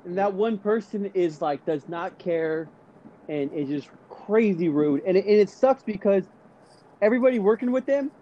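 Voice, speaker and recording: Mellow high-voiced man, lo-fi sound. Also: expressive, moderate pace, a little hiss or hum. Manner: agreeable, laughs often. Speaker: podcast co-host. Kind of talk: casual chat.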